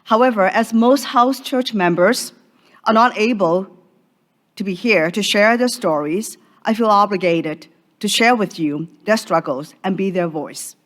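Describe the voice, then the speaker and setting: A woman from Hong Kong presenting an academic paper at a conference in a measured, formal way. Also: medium pitch. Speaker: conference speaker. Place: conference session room.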